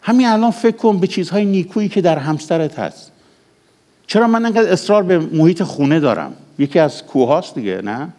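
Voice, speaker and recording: A middle-aged man delivers a sermon from the pulpit, his voice sitting a little high for a man. His pitch rises and falls widely as he moves between raised, urgent appeals and quiet, confiding asides. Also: lively intonation. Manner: passionate, swings between raised exhortation and hushed intimate tones. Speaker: pastor.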